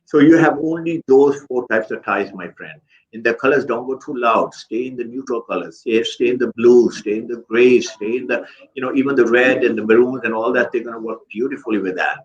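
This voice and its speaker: A man's voice: mid-range voice, brisk. A man, an image consultant, giving emphatic advice in conversation, repeating his points and calling the listener "my friend". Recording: dull lo-fi sound.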